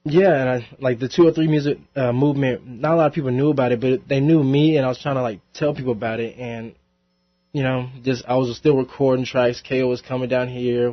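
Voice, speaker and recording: A young man, a guest rapper, keeps things casual in a college radio interview, rambling with lots of fillers and laughing often. He has a mid-range voice. The studio sound is dry with no echo and slightly dull.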